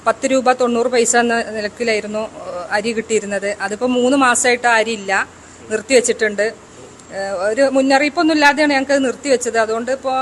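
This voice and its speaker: A woman's voice: on the high side, fairly bright tone, a little hiss or hum, rough recording. A woman, a community hotel worker answering an interviewer plainly and earnestly, with hesitations.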